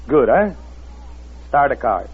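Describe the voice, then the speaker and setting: In an old radio thriller, a man plays a sly, teasing foreign schemer held at gunpoint who turns menacing when armed, his manner sardonic, mock-polite, and smug. His mid-range voice moves slowly with big pitch swings. The vintage recording is muffled, with music and a little hiss or hum.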